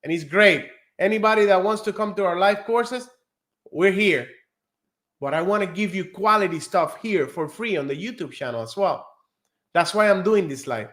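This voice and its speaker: A man from Cuba, teaching a live online nursing exam lesson in an earnest, encouraging way, slowing down to stress key words. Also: high voice, animated, fairly bright tone.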